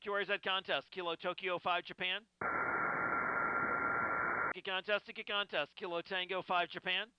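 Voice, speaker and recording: Male ham radio contest caller, high pitch, repetitive phonetic calls, muffled lo-fi signal. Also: flat delivery, moderate pace, long pauses. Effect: ham radio transmission. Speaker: amateur radio contest operator. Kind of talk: repetitive contest calling in phonetic alphabet and numbers. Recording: muffled radio audio, loud static and noise.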